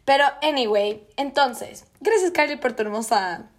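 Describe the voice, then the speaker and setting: A woman's voice: high voice, animated, slight background noise. Teasing woman podcast co-host. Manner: teasing, quick interjections. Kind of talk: casual chat.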